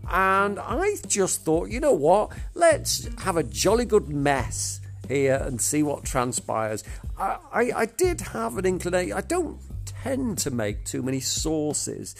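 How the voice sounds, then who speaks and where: Theatrical man, croaky with man flu. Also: mid-range voice. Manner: theatrical, florid wordplay. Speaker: podcast host. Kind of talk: chatty solo podcast monologue.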